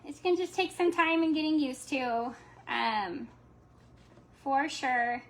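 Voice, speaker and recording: Talking to viewers as she refinishes furniture at home, a young woman who vlogs about crafts keeps the live chat casual and frequently lets her thoughts trail off. Her high voice is slow and carries a slight lisp. The audio is poor, with a little hiss or hum.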